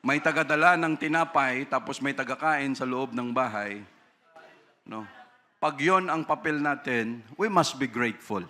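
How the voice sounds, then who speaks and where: A male pastor with a medium-pitched, slightly slow, bright, and forceful voice preaches a conversational sermon. He switches between Tagalog and English, often tags sentences with a questioning "no?", and acts out quoted voices.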